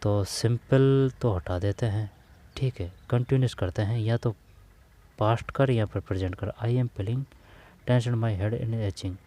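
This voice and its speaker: A man teaching an exam-prep grammar lesson, reading English sentences out slowly and repeating them word by word. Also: lowish voice, warm tone.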